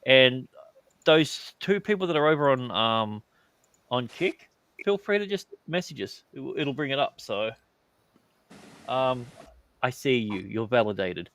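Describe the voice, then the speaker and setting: A man with an Australian accent hosting a live podcast, reading chat messages aloud and making crude, deadpan jokes. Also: medium pitch, a little slow, pauses often. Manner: crude joking, deadpan asides. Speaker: podcast host.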